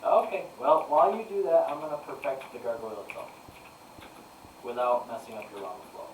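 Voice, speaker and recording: A man chatting casually while building in a game with friends, upbeat and quick to laugh, reading viewers' comments aloud. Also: mid-range voice. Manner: upbeat, laughs easily, animated. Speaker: streamer reading chat. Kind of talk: casual gaming chat. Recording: echoey, distant, faint noise.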